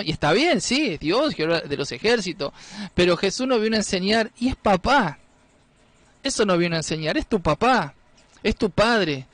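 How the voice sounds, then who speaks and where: A man's voice: high voice, dry recording. A man with a Rioplatense Spanish accent gives an informal, conversational sermon, often asking "¿no?" and restarting his sentences. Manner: conversational, many fillers and tag questions. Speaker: preacher.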